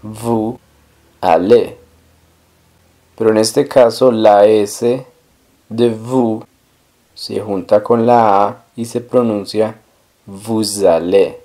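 A man teaching a language lesson, explaining pronunciation step by step and repeating each example slowly. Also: on the low side, flat delivery, warm tone. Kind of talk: slow, careful language lesson.

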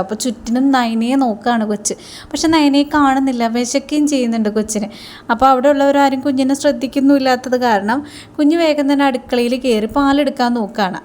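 A woman rattles through a serial episode recap at a quick clip. Her voice sits a little high, and her telling is chatty and loose, with small fillers. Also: darkish tone. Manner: fast, chatty retelling with fillers. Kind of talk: casual storytelling recap.

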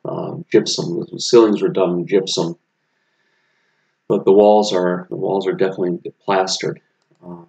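An American vlogger narrates casually over photos of his apartment renovation in a deep monotone. His relaxed voice-over rambles, full of fillers and restarts, and the audio is slightly dull.

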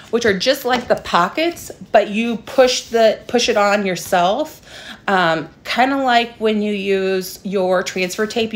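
A young adult woman talking informally and explaining a craft step by step in a casual livestream tutorial. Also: medium pitch. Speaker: livestream host, craft seller. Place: small room indoors at home. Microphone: phone propped at arm's length.

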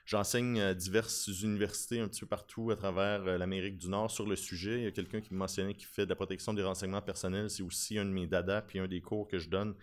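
Speaking fast and barely pausing, a man in his thirties with a Québécois French accent presents at a conference from a lectern, his low voice showing little pitch movement. He's a lawyer focused on digital forensics, and his talk is informal, talkative and self-deprecatingly funny, picked up by a podium gooseneck microphone.

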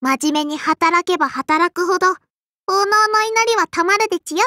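For Japanese lines in an anime mobile game, a woman plays a tiny sparrow girl who keeps an inn, prim and strict, lisping childishly with a cutesy verbal tic. Her very high voice is pushed and bright, moderately paced, prim yet cheerful. The studio recording is dry.

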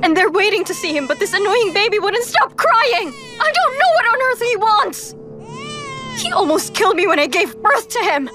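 A shrill, frantic young empress. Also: female voice, sing-song, moderate pace, background noise. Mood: distraught. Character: young empress, new mother, distraught and harsh. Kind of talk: English drama dub. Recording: dub with background music.

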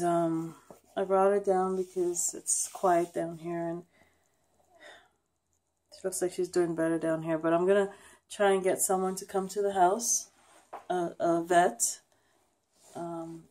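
A sad, emotionally weary woman talking haltingly and quietly in a casual personal vlog. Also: fairly low pitch, flat delivery. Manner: subdued, hesitant, halting. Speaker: vlogger. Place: wood-panelled basement room at home, indoors. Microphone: handheld camera at arm's length.

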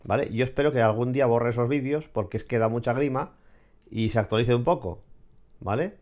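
Man, mid-pitched voice, sarcastic and blunt, vlog commentary. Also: a little fast, a little mellow. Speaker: vlogger commenting on clips and AI tools. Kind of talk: casual commentary.

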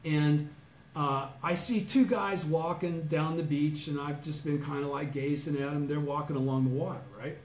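A middle-aged man from Southern California tells a personal story to a small study group. He acts out his own past words, sometimes shouting or chanting. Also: a little high, fairly even intonation, normal speed. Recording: echoey room with faint background noise.

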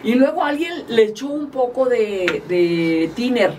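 A guest politician from Mexico chats casually and animatedly in an interview, often laughing as she tells stories. Her high-ish voice is unhurried, picked up by a distant table mic in a small indoor studio with a noisy background.

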